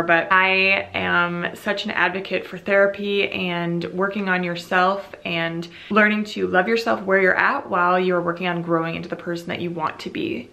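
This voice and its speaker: A woman's voice: on the low side, creaky, bright, forceful tone. A woman in her late twenties chatting casually and earnestly to camera as a vlogger, sometimes reading aloud. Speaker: YouTube vlogger. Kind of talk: casual chat to camera, reading old journal entries. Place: small furnished room at home.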